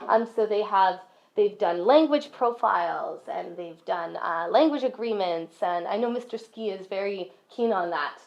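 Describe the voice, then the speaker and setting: A woman's voice: medium pitch, moderate pace, vocal fry. A woman from a school's language program talking casually to parents in a friendly, chatty way. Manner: friendly, chatty, many fillers. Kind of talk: casual presentation talk. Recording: dull lo-fi recording.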